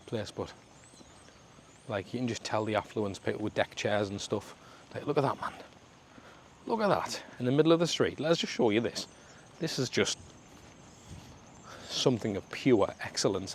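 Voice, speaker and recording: In a low, darkish voice, a travel vlogger from Sunderland, north-east England, chats casually to camera as he walks a rain-soaked suburban street. He's matey and heavy on regional slang, and the recording picks up street and traffic noise.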